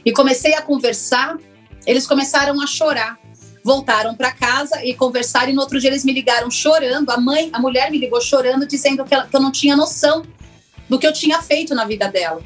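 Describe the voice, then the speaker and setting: A woman, a former lawyer now working as a therapist, telling her personal story in an interview in a reflective, earnest way with many pauses. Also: high voice, soft background music. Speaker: interview guest, former lawyer turned systemic constellation therapist.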